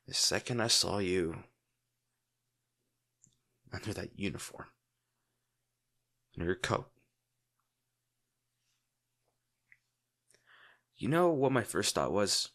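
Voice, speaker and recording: Tender and shaken, a man plays a crime-boss villain in an intimate audio roleplay, heavily acted in a lowish, pushed, bright voice. He still speaks sardonically with dramatic pauses, secretly worried.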